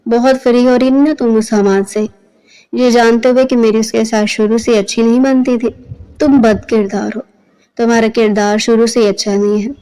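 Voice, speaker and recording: A woman's voice: on the high side, fairly even intonation, clear, resonant tone, natural voice, poor audio. A woman voicing a jealous, hot-tempered eighteen-year-old husband who hurls accusations. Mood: angry. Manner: shouting accusations.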